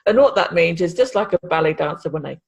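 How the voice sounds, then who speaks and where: A woman's voice: fairly low pitch, lively intonation, fast, vocal fry, husky. A woman co-hosting a podcast, speaking in a rambling, casual way with many restarts. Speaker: podcast co-host, copywriter. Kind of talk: casual chat.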